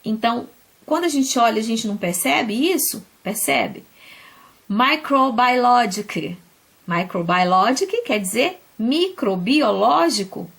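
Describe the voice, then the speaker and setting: A Portuguese-speaking woman teaching English vocabulary, explaining patiently, often checking in with her students and slowing down to spell out example words. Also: fairly high pitch, very animated, gravelly, fairly bright tone, breathy edge. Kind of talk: recorded classroom lesson.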